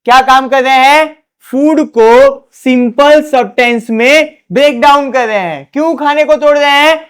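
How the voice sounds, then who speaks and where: A man's voice: extremely high pitch, a little slow. A man teaching a board exam science lesson, asking questions and answering them himself. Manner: repetitive, drilling.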